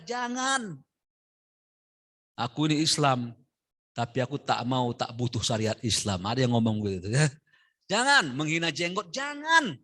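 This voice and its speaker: Bright-voiced man preaching in a mosque. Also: fairly high pitch. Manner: lively, shifts from soft asides to loud emphasis; chants Quran verses in Arabic, then explains them. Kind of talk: midday mosque sermon.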